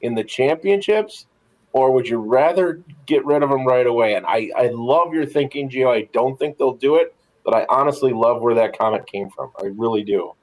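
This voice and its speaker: A man's voice: medium pitch, moderate pace, darkish tone, rough recording. A man co-hosting a sports podcast in a casual, enthusiastic, encouraging way. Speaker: podcast co-host.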